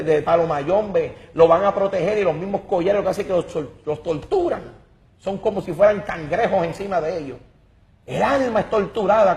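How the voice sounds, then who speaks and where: A man's voice: sits high, darkish tone. A man giving an impassioned religious testimony, emphatic and dramatic, often repeating words as he searches for them.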